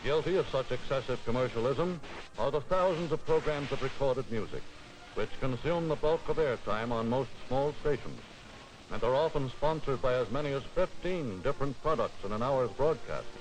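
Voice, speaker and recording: A man delivers old-newsreel narration in a formal, declamatory tone at a middle pitch. Music plays clearly under his voice on an old film soundtrack. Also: lively intonation, normal speed, poor audio.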